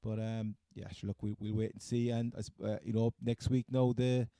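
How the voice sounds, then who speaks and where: Male podcast co-host, Cork accent, very soft mellow tone, close dry sound, halting casual sports chat. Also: lowish voice, level tone, no echo. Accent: Cork, Irish. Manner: halting, hesitant phrasing.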